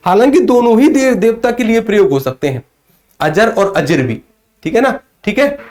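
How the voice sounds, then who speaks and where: High-voiced man teaching a Hindi class. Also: expressive, normal speed, a little mellow. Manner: repeats questions and answers them himself; addresses students as sir, reads out chat comments. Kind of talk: live online class.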